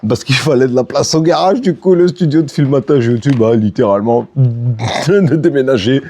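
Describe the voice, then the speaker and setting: Middle-aged guy rambling away outside by his boat, mellow kinda dark voice, clip mic. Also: medium pitch, moderate pace. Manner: chatty, rambling with fillers and restarts. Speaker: fishing YouTuber. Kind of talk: casual vlog chat. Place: outdoors by a boat. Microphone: wireless clip-on mic.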